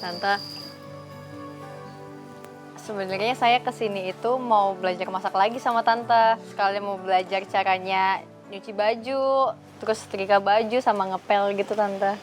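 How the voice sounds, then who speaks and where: A woman's voice: mid-range voice, fairly even intonation, unhurried, music in the background, natural voice. Polite eager young woman, acted.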